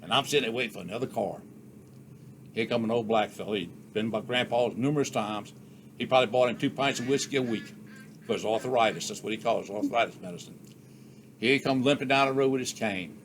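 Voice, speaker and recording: An older man spins childhood yarns in a relaxed, folksy way. His voice sits in a middle pitch, with faint ambient noise behind him. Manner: folksy, unhurried yarn-spinning with rural Southern US speech. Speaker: storyteller. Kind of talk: casual storytelling.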